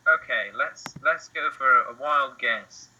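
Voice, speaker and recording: A man joining a casual podcast over a video call, answering in a low-key, hesitant way. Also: takes it slowly, pushed and bright, dull audio. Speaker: podcast guest. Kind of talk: casual chat.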